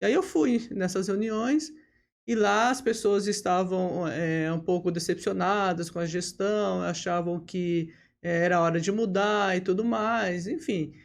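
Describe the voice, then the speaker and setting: A woman, a lawyer telling her career story as a podcast guest, steady and full of tag questions and hesitation fillers. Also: fairly low pitch, unhurried, gravelly. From Brazil. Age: 50s. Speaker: lawyer and bar association leader, podcast guest. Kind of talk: relaxed interview storytelling.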